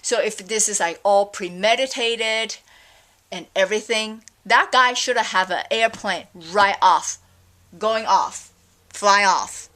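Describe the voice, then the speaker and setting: Speaking slowly at a medium pitch with a fairly bright tone, a middle-aged woman from Taiwan vents her opinions in a casual vlog. She rambles, sounds exasperated and uses filler words frequently.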